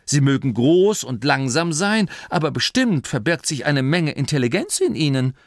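A man's voice: on the high side, sing-song, moderate pace, dry recording, clean studio sound, pitched above the performer's own voice. A man voicing an honest, puzzled young male gnome hunter in a storybook reading, plain and earnest.

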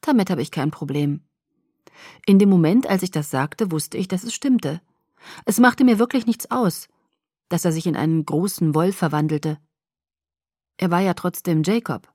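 A woman narrating a novel in the first person with a soft, intimate, measured reading. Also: on the low side, no room sound, studio quality. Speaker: audiobook narrator.

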